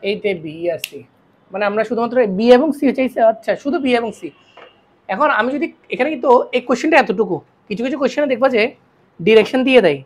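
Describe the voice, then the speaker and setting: A tired woman lectures a physics class at a quick clip. Her voice sits fairly high, and she keeps firing questions at her students before answering them herself. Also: lively intonation, a little mellow. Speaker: physics teacher. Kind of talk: classroom lecture solving circuit problems.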